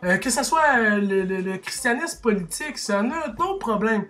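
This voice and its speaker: A man's voice: high-pitched, lively intonation, normal speed, pushed and bright. A man with a Québécois French accent delivering an impassioned opinion monologue, emphatic and rhetorical, with frequent restarts. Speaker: vlogger.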